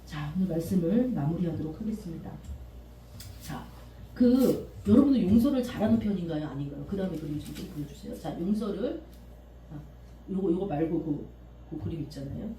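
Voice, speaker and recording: A woman pastor preaching a sermon in a church, animated, often laughing and acting out the people she quotes. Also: on the low side, fairly quick. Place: church sanctuary. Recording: echoey room from far off, faint hiss.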